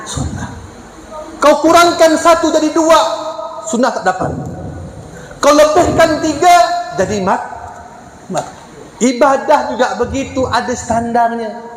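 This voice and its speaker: A male preacher gives a humorous, lively sermon, often asking the audience to agree with him. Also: high voice. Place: large hall at a religious celebration. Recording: echoey hall with long reverb, faint noise.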